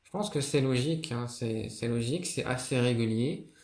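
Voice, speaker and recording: A man's voice: mid-range voice, moderate pace, darkish tone. Hesitant man teaching, roomy echo. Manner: hesitant, many fillers and restarts. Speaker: video creator explaining a writing system. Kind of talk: casual spoken lesson.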